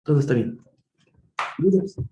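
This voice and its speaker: A man tutors math in a live online session, solving problems step by step while thinking aloud and correcting himself. His voice sits on the high side with big pitch swings and a warm tone, and he is slow and patient. The room is echoey with faint noise.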